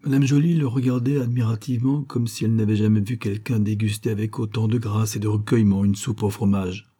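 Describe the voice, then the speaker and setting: A male audiobook narrator reads a novel in a measured, even manner. His voice sits low and mellow with a husky edge.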